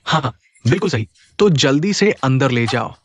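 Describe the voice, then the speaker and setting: A man's voice: medium pitch, lively intonation, moderate pace, a bit bright, slight background noise, natural voice. A man voicing a pushy fisherman in a dubbed drama. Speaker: fisherman delivering seafood. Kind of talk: Hindi dub of a short drama.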